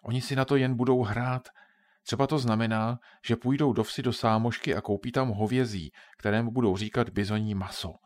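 A man voicing a clever young girl in a children's audiobook, explaining things in a quick, hushed, matter-of-fact way. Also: medium pitch, steady tone, dry recording, natural voice. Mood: hushed, sensible. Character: clever, bossy young girl, a whispering schoolgirl.

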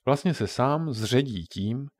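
A man's voice: medium pitch, lively intonation, dry recording, voice pushed up, close to an everyday voice. Man reading as a patient old grandmother. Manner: patient, explanatory. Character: kindly old grandmother explaining science to grandchildren.

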